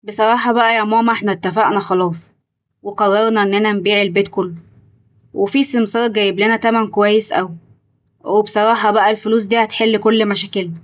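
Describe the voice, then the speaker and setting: A woman's voice: medium pitch, steady tone, fast talker, lo-fi sound, lightly acted. A woman voicing a greedy, sarcastic younger son with an Egyptian accent, in a told story. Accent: Egyptian Arabic.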